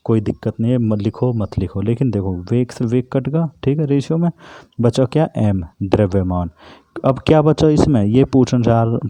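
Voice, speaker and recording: Dark-voiced man teaching exam physics. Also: mid-range voice, dry recording. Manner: repetitive, asks and answers own questions. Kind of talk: exam-prep physics lesson.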